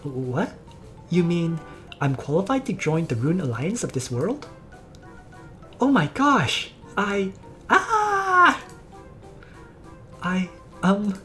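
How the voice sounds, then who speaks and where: A woman voicing an excitable young female mage who scolds, whines and gets flustered, reading game dialogue aloud. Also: mid-range voice, moderate pace, soft background music, pitched above the performer's own voice, lightly acted. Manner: whiny, scolding, easily flustered.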